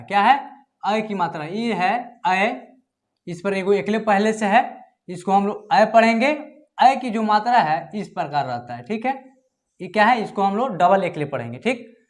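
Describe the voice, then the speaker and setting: A reading teacher in an online lesson, sounding out words syllable by syllable and quizzing viewers. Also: medium pitch.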